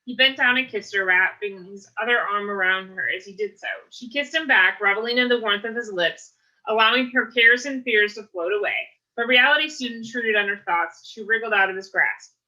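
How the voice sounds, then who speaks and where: A woman reading a novel aloud in steady narration. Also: medium pitch, normal speed, low-quality recording. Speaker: book reader.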